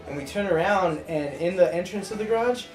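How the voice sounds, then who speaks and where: A man, a band member, telling a story in a laid-back, slangy, animated way during an interview. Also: high-pitched, fairly quick, roomy sound, faint music behind, poor audio.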